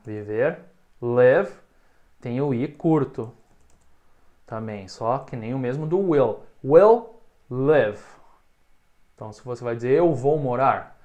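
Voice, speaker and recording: A man with a Brazilian Portuguese accent teaching English pronunciation, modelling short words loudly and having the learner repeat after him. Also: medium pitch. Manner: slow, drawn-out modelling of words, stressed loud examples.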